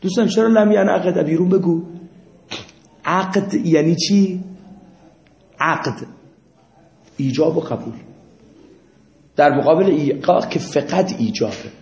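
A man with a slightly high, gravelly, darkish voice gives a classroom lecture, pausing often as he works through examples and asks his students questions. The room is echoey and the sound is muffled and lo-fi.

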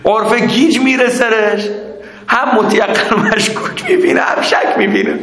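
A male teacher giving a seminary lecture, lively and conversational, often putting questions to the class. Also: sits high. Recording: echoey room.

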